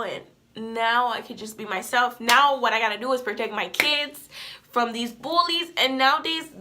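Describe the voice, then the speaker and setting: Woman in her 20s vlogging her life story, emotional and rambly, lots of fillers, crisp bright tone. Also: on the high side. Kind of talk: personal storytelling to camera.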